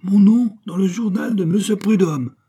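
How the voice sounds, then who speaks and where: A man voicing an irascible, pompous old priest schoolmaster who shouts in indignation. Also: a little high, normal speed, breathy edge, voice pushed up. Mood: furious. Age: older.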